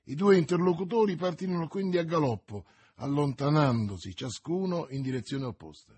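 A man narrating a novel as an audiobook, measured and expressive, with a husky voice. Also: a little high, dry recording.

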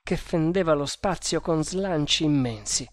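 A man reading an adventure novel aloud as audiobook narrator, in a measured, dramatic manner. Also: a little high, animated, no room sound.

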